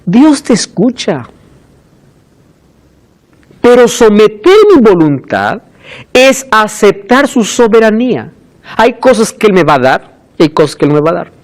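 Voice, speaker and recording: A male pastor preaching a sermon, expressive and acting out the voices he quotes. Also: high voice, unhurried, long pauses.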